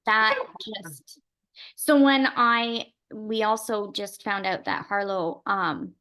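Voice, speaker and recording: A woman's voice: mid-range voice, fairly even intonation, slow pace, sharp tone, clear, resonant tone. A woman co-hosting a podcast, talking earnestly and openly in long, rambling runs. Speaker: podcast co-host. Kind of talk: casual chat.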